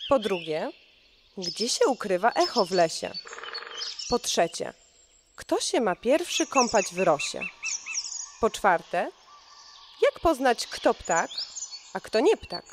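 A woman reading a children's poem aloud in an expressive, playful way. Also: mid-range voice, takes it slowly, long pauses. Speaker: storyteller. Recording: birdsong noise behind.

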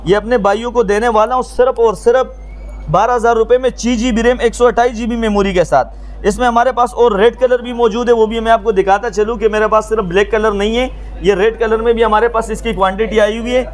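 A man with a Pakistani accent giving an eager, repetitive sales pitch to camera as a mobile phone shop seller. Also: fairly even intonation, brisk. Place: small open-fronted mobile phone shop stall.

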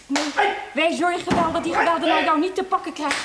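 A high-voiced, gentle young noblewoman; audible tape hiss. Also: steady tone, brisk. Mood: coaxing. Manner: coaxing, gentle. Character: young noblewoman, protective and sweet. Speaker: freule, baroness's niece. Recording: old VHS television audio with hiss.

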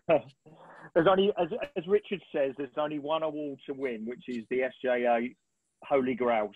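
A man in his fifties, a sports photographer, telling animated stories on a webinar and often clearing his throat. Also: medium pitch, dry recording. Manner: animated, rambling storyteller with frequent throat clearing. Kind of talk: relaxed anecdotal storytelling on a webinar. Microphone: video call. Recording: tinny, dry video-call audio.

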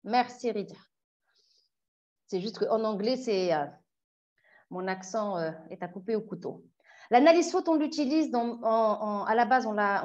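Woman coach running an online workshop, peppers people with questions, kinda muffled sound. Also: on the high side. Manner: warm, lively, asks the audience many questions. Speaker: personal development coach. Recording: dull lo-fi audio.

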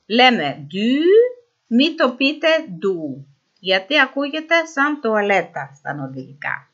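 A woman giving an informal pronunciation lesson who sounds out vowels slowly and repeats them. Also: fairly high pitch, very animated, a bit bright. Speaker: language teacher. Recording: dull lo-fi recording.

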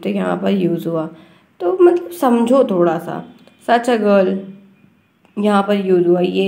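A woman teacher giving an online grammar lesson, speaking slowly and deliberately because a dry cough leaves her short of breath. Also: medium pitch, vocal fry, mellow.

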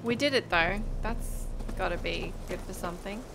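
Chatty woman streaming over loud music. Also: mid-range voice, moderate pace, gravelly, poor audio. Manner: chatty, reacting aloud. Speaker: game streamer. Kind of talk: casual live gameplay commentary. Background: game music.

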